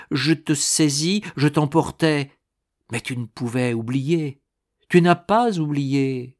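A man's voice: mid-range voice, close to an everyday voice. A man voicing a guilt-ridden old woman. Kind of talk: storybook reading.

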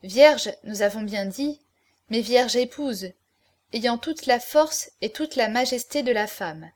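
A woman narrating a dramatic novel aloud in an expressive, measured way. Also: fairly high pitch.

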